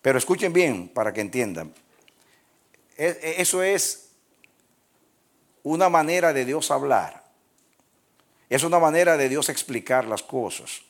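Animated preacher man. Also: on the high side, unhurried, pauses often. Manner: dramatic swings from loud to hushed, laughs at own jokes. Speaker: pastor. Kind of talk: sermon.

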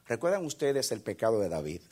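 A male pastor preaching a sermon with impassioned delivery, swinging from hushed passages to shouting. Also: fairly low pitch, big pitch swings, fairly quick.

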